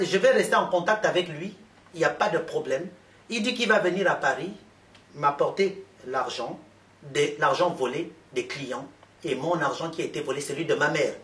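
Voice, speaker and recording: A man's voice: on the high side, a bit bright. A man addressing journalists, telling his story in an emphatic, repetitive way with many fillers. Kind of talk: impassioned spoken testimony. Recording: echoey room, voice from a distance.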